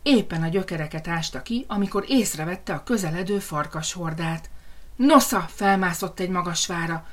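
A woman reading a children's fairy tale aloud in a lively, expressive storytelling manner. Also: fairly low pitch.

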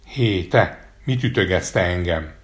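A man voicing two huge, quarrelsome male giants in a storybook, loud and bickering. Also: sits low, animated.

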